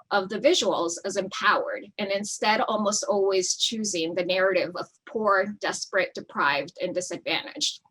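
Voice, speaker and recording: Bright, husky-voiced woman giving a prepared statement. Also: medium pitch, rough recording. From El Salvador. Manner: measured, reading prepared remarks. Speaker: nonprofit founder, debate panelist. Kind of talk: prepared opening statement in an online debate. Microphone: video call.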